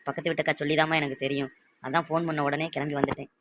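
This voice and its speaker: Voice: medium pitch, level tone, racing, background noise, close to an everyday voice. An actor voicing a devoted adult elder son who speaks earnestly and emotionally to his sick mother.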